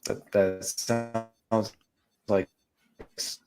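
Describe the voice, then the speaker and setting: A man's voice: on the low side, flat delivery, drawn-out words, darkish tone, faint music behind. A man co-hosting a casual podcast chat, joking around and riffing on old movie lines. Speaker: podcast co-host.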